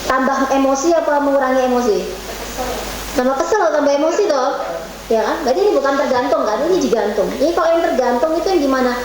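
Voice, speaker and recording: A woman's voice: high-pitched, fast, crowd noise. A middle-aged woman gives an interactive religious talk to a group of women, chatty and quizzing her listeners. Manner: chatty, quizzes the audience, slips into Javanese. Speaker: religious speaker at a women's study session. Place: government office meeting room. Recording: echoey meeting room.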